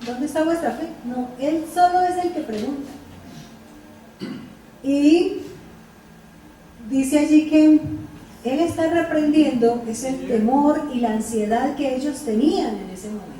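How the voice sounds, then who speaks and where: A woman's voice: high voice, mellow. A woman teaching a Bible study as a sermon, asking the listeners questions and repeating the verses. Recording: echoey room from far off, faint noise.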